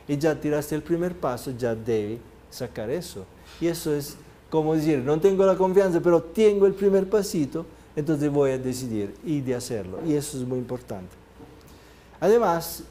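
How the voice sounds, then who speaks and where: A man leads a self-help seminar in a somewhat high voice with a soft, warm tone. He talks earnestly and keeps checking in with his listeners. He asks rhetorical questions and acts out small scenes as he goes. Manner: peppers talk with "ok?" and rhetorical questions. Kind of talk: motivational seminar talk.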